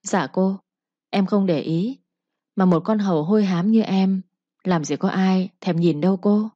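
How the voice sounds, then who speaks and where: A woman's voice: mid-range voice, measured pace, mellow, no echo, highs cut off, natural voice. A woman voicing a young servant girl who answers her mistress humbly and pleads with her. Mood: wheedling.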